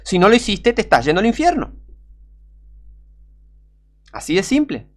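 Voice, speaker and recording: A man with a Rioplatense Spanish accent preaching a sermon, urgent and pleading, sometimes breaking into shouts. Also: high voice, wildly swooping pitch, moderate pace.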